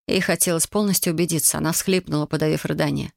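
An audiobook narrator reading a tense scene in measured, even storytelling. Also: mid-range voice, vocal fry, dry recording, clean studio sound. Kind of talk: scripted narration.

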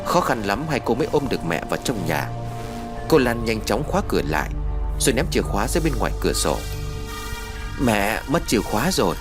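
A man narrating a ghost story from a script in an expressive, dramatic way. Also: lowish voice, fast talker. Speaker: audiobook narrator. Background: background music.

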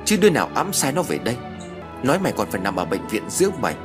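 A man's voice: mid-range voice, lively intonation, normal speed, over music, lightly acted. A man voicing a bossy, scolding old mother-in-law in a spoken horror story. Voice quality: sharp, scolding.

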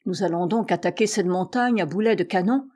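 Calm questioning ship's doctor, read by a woman. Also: mid-range voice, brisk, natural voice. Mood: curious.

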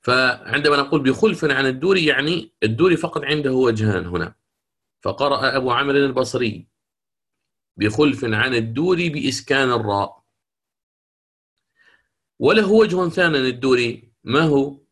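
A man teaching a class on Quranic recitation rules, asking the class questions and modeling each word in slow, drawn-out recitation. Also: medium pitch, a bit bright. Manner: asks the class questions and answers them himself. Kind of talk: recorded lecture on Quranic readings.

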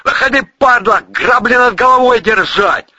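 Man playing yelling thug guards, high strained voice, crude, breathy, dull dry sound. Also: normal speed, no room sound, heavily acted. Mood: hostile. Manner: yelling coarse threats. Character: rough male bandit sentries, hostile.

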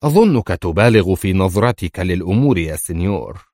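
A man's voice: deep voice, animated, a little fast, a little mellow, no room sound, studio quality. A man doing a nervous, strained minister. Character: nervous middle-aged male government minister.

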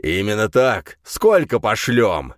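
A big, restless monster son who growls his lines loudly, as a male narrator puts him on. His voice sits higher than the narrator's own, in a dry, close recording. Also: sing-song, slow pace, dry recording. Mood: eager.

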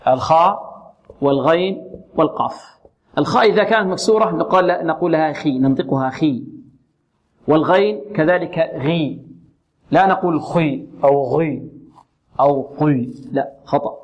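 A man teaching Quran recitation rules, who asks his students questions and answers them himself, and repeats letters and words slowly and drawn out as examples. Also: on the high side, highs cut off. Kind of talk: tajweed lesson with recited examples.

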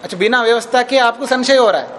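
A man's voice: very high voice, fast talker, a bit bright, a little hiss or hum. A man with an Indian accent teaching philosophy, arguing points firmly and patiently in a classroom debate. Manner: firm, patient, repeats points.

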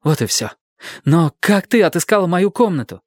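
A man's voice: on the high side, sing-song, moderate pace, dry recording, clean studio sound, pitched above the performer's own voice. A man reading an audiobook, voicing an earnest, brave young man who speaks in a heartfelt way. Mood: earnest, loving.

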